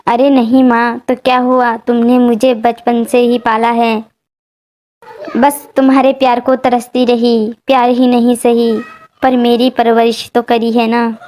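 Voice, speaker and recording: A woman's voice: fairly high pitch, flat delivery, unhurried, darkish tone, lightly acted. A woman voicing an earnest young bride. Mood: emotional. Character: young, tearful new bride.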